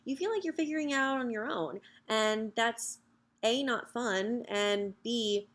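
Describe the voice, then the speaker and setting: A woman's voice: on the high side, measured pace, fairly bright tone. Upbeat chatty woman in her thirties. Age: 30s. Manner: upbeat, chatty, many fillers. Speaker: social media coach. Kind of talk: direct-to-camera sales pitch.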